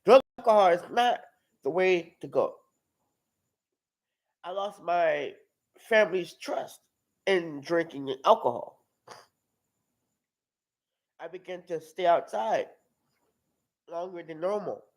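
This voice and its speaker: Halting, high-voiced young man giving testimony. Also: animated, low-quality recording. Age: 20s. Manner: halting, repeats and restarts words. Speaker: testimony speaker at a live-streamed outreach. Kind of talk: personal testimony.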